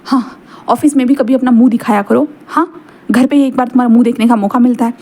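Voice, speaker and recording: A woman's voice: fairly high pitch, steady tone, fast talker, dark tone. A woman voicing a stern scolding father. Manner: lecturing, repeats "haan" between reproaches. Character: stern scolding middle-aged father, rich businessman.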